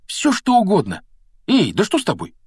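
A man voicing an excitable, easily awed boy wizard in a storybook reading, with high, breathless exclamations. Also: normal speed, dry recording, studio quality, lightly acted. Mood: excited.

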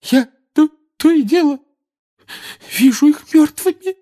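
A man voicing a distraught middle-aged mother witch who cries and pleads in a high, shaky voice, in an audiobook. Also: measured pace, darkish tone. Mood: tearful. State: crying. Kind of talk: audiobook character voice.

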